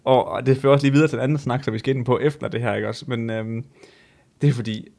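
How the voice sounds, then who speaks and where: A young man chatting casually as a podcast co-host, an animated storyteller who laughs often and swears freely. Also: medium pitch, vocal fry. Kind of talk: casual chat.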